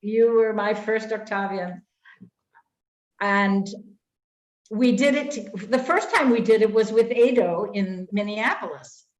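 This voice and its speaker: A woman's voice: medium pitch, slow, muffled recording. An older woman hosts a conversation with a singer, her voice sitting in an ordinary middle register. She talks in a chatty, reminiscing way, dotted with fillers. The recording carries a noticeable room echo from a video call. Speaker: host and voice teacher. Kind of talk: conversational interview.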